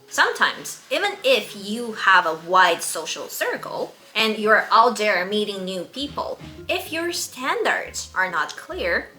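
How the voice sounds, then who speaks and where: A woman's voice: medium pitch, pushed and bright. A young adult woman presenting a scripted advice video as host, speaking confidently and directly to the viewer.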